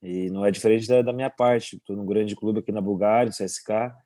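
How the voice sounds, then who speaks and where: A man's voice: fairly low pitch, brisk, no echo, studio quality. A young Brazilian man, a goalkeeper, chatting casually in an interview and chuckling often. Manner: relaxed, chuckling, many fillers. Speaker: goalkeeper abroad, interview guest.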